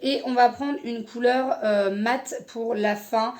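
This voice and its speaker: A woman's voice: fairly high pitch, fairly even intonation, takes it slowly. A young woman casually reviewing an eyeshadow palette, hesitant with many fillers. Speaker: beauty vlogger.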